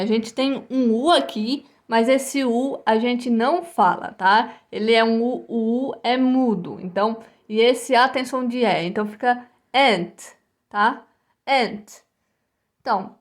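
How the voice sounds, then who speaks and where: A Brazilian woman teaching English to young children, patiently repeating each word and ending almost every phrase with a checking "tá?" or "né?". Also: on the high side. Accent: Brazilian Portuguese. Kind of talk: recorded online English lesson for first graders.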